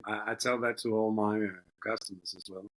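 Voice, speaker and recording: A man hosting a podcast interview, speaking casually and haltingly with many filler sounds. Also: fairly low pitch, little pitch movement, poor audio. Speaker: podcast host.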